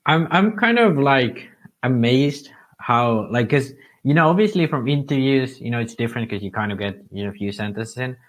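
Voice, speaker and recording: A man's voice: mid-range voice, lively intonation, moderate pace. A man from Finland co-hosting a casual podcast, asking long, winding, thoughtful questions. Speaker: co-host. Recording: dull lo-fi sound.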